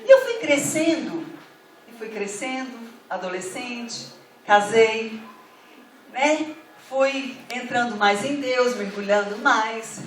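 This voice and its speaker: A woman's voice: fairly high pitch, expressive, takes it slowly, slight background noise. A middle-aged woman pastor, preaching a fervent sermon that rises to emphatic calls to the congregation. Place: church hall. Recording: echoey hall from far off.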